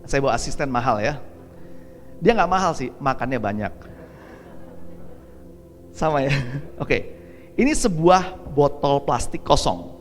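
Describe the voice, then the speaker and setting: Lively preaching man in a reverberant hall. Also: medium pitch, a little slow, pauses often. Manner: storytelling with quoted dialogue and audience questions. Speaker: pastor. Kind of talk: sermon. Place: church hall. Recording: long church hall reverb with faint music.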